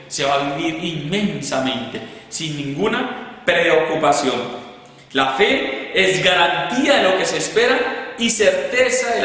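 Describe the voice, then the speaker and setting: A man with a Colombian Spanish accent giving an emphatic catechesis talk, acting out quoted voices with rising pitch. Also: pushed and bright. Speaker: preacher. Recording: echoey hall reverb.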